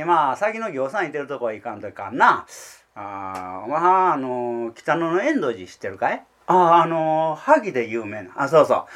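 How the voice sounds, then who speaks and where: A man's voice: medium pitch, fairly bright tone. A man doing a grumpy fatherly old neighbor, kansai, exasperated lectures, rakugo telling. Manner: scolding, exasperated, advising. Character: grumbling, fatherly older neighbour. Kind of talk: rakugo storytelling.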